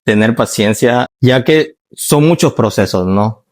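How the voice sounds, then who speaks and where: A man in his thirties from Ecuador, a nurse, answering interview questions in a calm, measured way and often ending with "¿no?". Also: medium pitch. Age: 30s. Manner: calm, measured, frequent "¿no?" tags.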